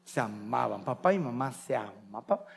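A man's voice: medium pitch, animated, moderate pace, gravelly, breathy edge. A middle-aged man with a Paraguayan Spanish accent, a pastor preaching a sermon and telling family stories while acting out the voices of relatives.

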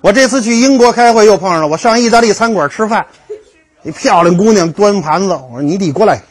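A man with a high voice and quick pace teaches a history class through stories. He jokes along the way and acts out the characters' dialogues.

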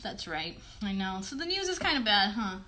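Speaking at a normal speed in a mid-range, very animated voice with a sharp edge, a woman in her thirties plays puppet show host for children. She keeps the chat casual and encouraging, with simple questions and plenty of praise. A phone a little way off captures her in a bedroom at home.

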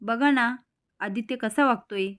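A woman's voice: a little high, a little slow, fairly bright tone, clear, resonant tone, voice pushed up. A woman voicing a scheming middle-aged woman who sweet-talks and coaxes the family. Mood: sugary.

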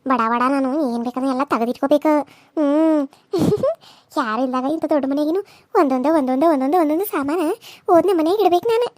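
A woman's voice: high voice, a little fast, a little mellow, no echo, natural voice. A woman voicing a scheming older village mother in a cartoon serial, muttering sly asides in a North Karnataka accent. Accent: North Karnataka Kannada.

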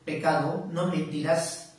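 A man's voice: a little high, steady tone, takes it slowly. A man preaching a sermon, switching between Mazatec and Spanish, with rising questions and lots of repetition. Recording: echoey room, voice far from mic.

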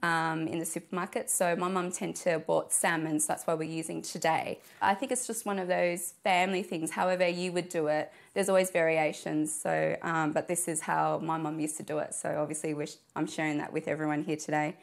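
A woman in her thirties with an Australian accent casually explains a family recipe while she cooks, chatty and full of fillers. Her voice is low with little pitch movement, brisk, with vocal fry and few pauses. As a cooking show contestant, she starts in a home kitchen indoors and later moves to a restaurant kitchen.

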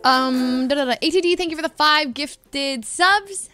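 A woman's voice: high voice, a little slow, sharp tone, faint music behind. A woman livestreamer giving casual reaction commentary over livestream headset audio, giggling as she reads names aloud. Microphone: headset mic.

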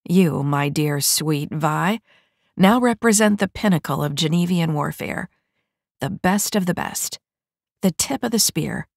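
A woman voicing a tough, blunt female mech corporal who talks in a gruff, growling way, in an audiobook. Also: deep voice, measured pace, dry recording, studio quality, full character voice.

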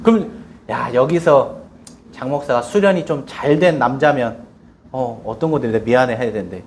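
Animated male pastor telling stories. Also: mid-range voice, moderate pace, slight background noise. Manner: animated storytelling with acted quotes. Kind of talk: sermon. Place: church.

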